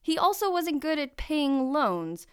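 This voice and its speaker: A woman's voice: high-pitched, big pitch swings, measured pace. An actress playing a grown woman crook who poses as a little girl, with a hard-boiled, sneering manner.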